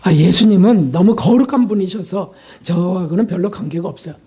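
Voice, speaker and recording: A man's voice: high-pitched, a little fast, mellow, breathy edge. A male pastor giving a sermon in a conversational way, asking rhetorical questions and acting out short prayers and dialogues.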